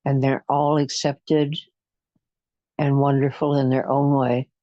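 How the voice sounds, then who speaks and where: This guided imagery relaxation session is led by a guide with a mid-range voice and a level tone, who slips into a soothing, hypnotic rhythm of slow counting and long pauses. It's a dull lo-fi recording without any echo.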